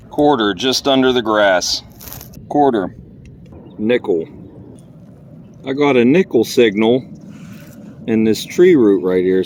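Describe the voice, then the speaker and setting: A man, vlogging casually as he metal detects in a public park, excitable and chatty as he calls out his finds. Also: mid-range voice, slight background noise. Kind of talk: casual vlog narration while detecting.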